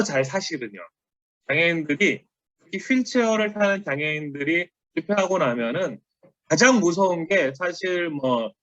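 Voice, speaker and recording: A middle-aged man giving a conversational lecture, often quoting others and stressing words with lively emphasis. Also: a little high, no room sound. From South Korea. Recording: dry, dull lo-fi audio.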